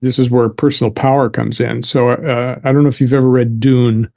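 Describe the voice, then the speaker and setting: A man's voice: medium pitch, little pitch movement, a little fast, vocal fry, dark tone. A man who is an interview guest, telling a personal story in conversation and chuckling wryly at himself. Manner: wry, chuckles at himself while recounting. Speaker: interview guest, belief therapist.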